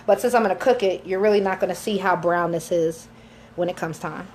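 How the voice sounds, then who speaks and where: A woman's voice: fairly low pitch, brisk, a little mellow. Woman chef, cooking demo, chatty, instructive, indoor kitchen, phone camera, faint background noise. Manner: chatty and instructive, joking with helpers. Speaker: chef and caterer. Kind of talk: live cooking demonstration.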